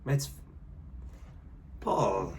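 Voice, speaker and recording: A young man with a lowish voice, speaking halting non-native English in a casual, playful back-and-forth. A faint hum of noise sits behind him. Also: big pitch swings. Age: 20s. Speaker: guest partner. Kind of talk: casual couple chat.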